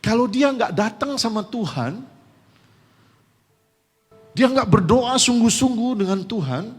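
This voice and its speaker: A man pastor delivers a sermon in a church sanctuary, talking with the congregation and asking them rhetorical questions. His voice is high-pitched and husky. It echoes with the long reverb of the hall. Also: animated, slow pace, faint music behind.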